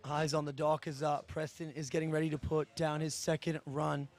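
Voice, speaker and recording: A man's voice: fairly high pitch, little pitch movement, normal speed. A man giving technical play-by-play sports commentary. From Australia.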